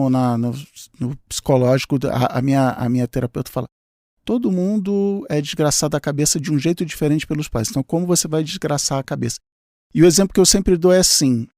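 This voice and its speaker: A man's voice: fairly high pitch, darkish tone, no room sound, clean studio sound. A man with a Brazilian Portuguese accent hosting a podcast, telling stories animatedly and swinging into quoted voices. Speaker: podcast host. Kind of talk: podcast conversation.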